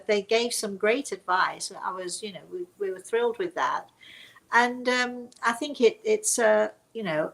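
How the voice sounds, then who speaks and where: An older British woman hosts a casual, chatty online talk for her viewers, rambling from one story to the next. Her mid-range voice has a fairly bright tone, though the recording quality is low.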